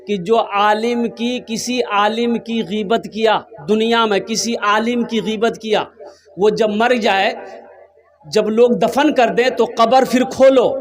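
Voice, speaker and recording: High-voiced animated preacher with tinge. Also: male voice, slow. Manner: animated storytelling with rhetorical questions to the crowd. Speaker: Islamic preacher. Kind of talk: sermon.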